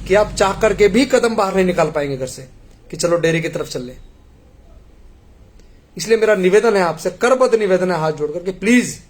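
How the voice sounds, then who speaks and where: A middle-aged man from India earnestly pleading with a congregation, telling parables in a devotional appeal. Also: sits high.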